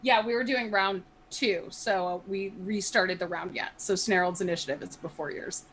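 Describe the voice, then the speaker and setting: A woman's voice: mid-range voice, normal speed, a bit bright, husky, rough recording. A woman acting as game master, casually refereeing and narrating a tabletop game.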